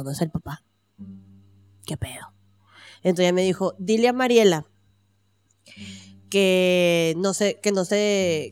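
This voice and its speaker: A woman's voice: fairly low pitch, darkish tone, smooth, dry recording, studio quality. A woman with a Mexican accent telling a personal story in casual chat, acting out the voices she quotes and using slang.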